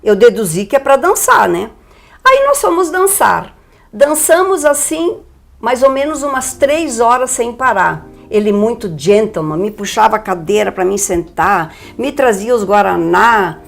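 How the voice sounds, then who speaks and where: Lively older woman telling a story. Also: a little high, a little slow, creaky. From Brazil. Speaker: interview guest. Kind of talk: storytelling in a TV interview.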